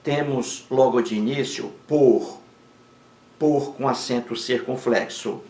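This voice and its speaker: A man teaching grammar in a slow, deliberate lesson, repeating words for emphasis. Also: medium pitch, echoey room.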